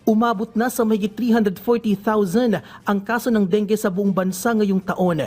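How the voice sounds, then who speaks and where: A male news reporter reading a scripted report in a measured, formal newsreader manner. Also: high-pitched, steady tone, darkish tone.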